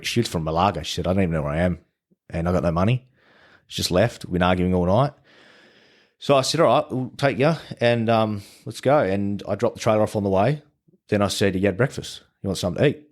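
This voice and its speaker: An Australian man, a podcast guest, telling stories in casual chat, swearing freely and acting out what people said. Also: low voice. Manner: swears freely, animated retelling of conversations. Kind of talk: casual storytelling.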